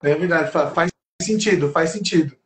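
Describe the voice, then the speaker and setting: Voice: medium pitch, moderate pace, roomy sound, slight background noise. A host with a Brazilian Portuguese accent asking eager questions in a casual interview.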